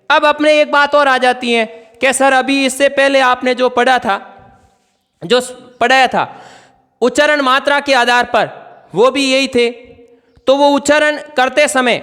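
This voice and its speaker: A man's voice: extremely high pitch, a bit bright, in a large hall. A male teacher giving an exam-prep grammar lesson, asking questions and answering them himself as he writes on a board. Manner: writes on a board while explaining.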